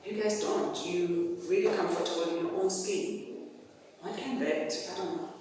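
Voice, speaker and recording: A middle-aged woman hosting a family conversation podcast, speaking slowly and reflectively as she searches for her words. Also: on the low side, fairly even intonation, noisy background. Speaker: podcast host and mother. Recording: echoey hall, distant mic.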